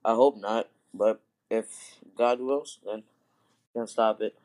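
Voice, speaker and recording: A young man in casual chat, hesitant and stammering with joking answers, heard over a low quality, glitchy online call stream. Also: steady tone, a little slow, darkish tone. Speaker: guest answering questions.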